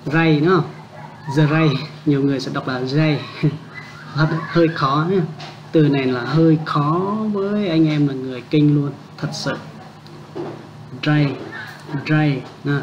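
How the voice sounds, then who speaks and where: A man teaching a casual language lesson. He patiently repeats words slowly and keeps checking that listeners understand. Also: on the high side. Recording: dull lo-fi with faint background noise.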